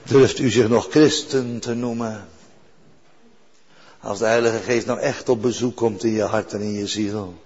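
A man's voice: on the low side, fairly even intonation, measured pace, a little mellow, slightly rough. An older man preaching a sermon in an earnest way, repeating key phrases for weight. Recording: dull recording with long church reverb.

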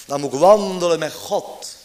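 A man's voice: a little high, moderate pace. A man preaching a fervent sermon, pleading with his listeners and asking them question after question.

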